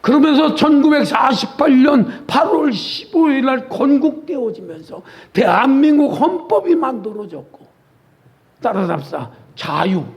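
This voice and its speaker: Speaking with vocal fry in an extremely high pitch, this pastor's sermon comes through with the highs cut off. He has a Chungcheong accent and a homey style, poking fun at people in the church sanctuary by name.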